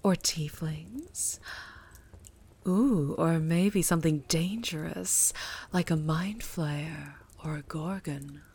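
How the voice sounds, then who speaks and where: A woman's voice: sits low, a little mellow, heavily acted. A woman voicing a seductive otherworldly warlock patron in an audio roleplay, teasing and whispery. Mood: sultry teasing. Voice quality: breathy, whispery. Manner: teasing, purring, slow.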